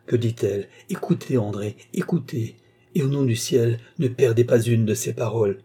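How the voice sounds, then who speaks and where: A man's voice: normal speed, mellow, husky. A man voicing a commanding mesmerist who urgently orders an entranced woman to follow someone, in an audiobook reading. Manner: urgent commands, lower and intense.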